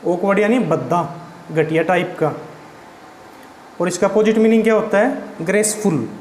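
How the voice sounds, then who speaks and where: High-voiced man spelling out vocabulary. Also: moderate pace, darkish tone. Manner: spells words letter by letter, asks and answers his own questions. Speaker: vocabulary teacher. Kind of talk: classroom vocabulary lesson. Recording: echoey room with faint background noise.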